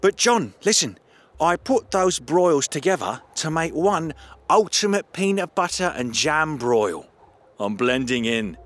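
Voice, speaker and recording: A man's voice: mid-range voice, normal speed, pitched above the performer's own voice, natural voice. A man putting on an eager young artist. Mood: teasing. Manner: animated, playful teasing. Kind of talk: audio drama acting.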